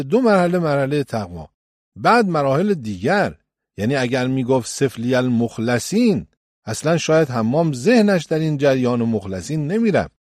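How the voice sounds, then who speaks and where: A man's voice: mid-range voice, no echo. Guy preaching, voice goes up and down a lot, dry close sound. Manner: measured, expressive teaching tone, slows to recite scripture. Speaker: cleric. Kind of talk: religious lecture.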